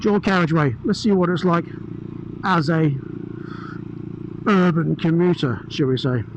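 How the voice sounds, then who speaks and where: A man's voice: a little high, measured pace. A British man reviewing a motorbike as he rides, speaking through a helmet mic in chatty, enthusiastic running remarks. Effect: speaking through a helmet mic while riding. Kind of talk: riding commentary. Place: on a motorbike on open roads. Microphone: helmet-mounted mic. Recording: helmet mic with engine and wind noise. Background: engine and wind noise.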